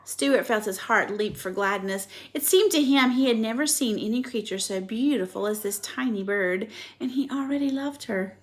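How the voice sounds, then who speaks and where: Woman reading a children's book aloud. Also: fairly high pitch. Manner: expressive, pausing to show pictures.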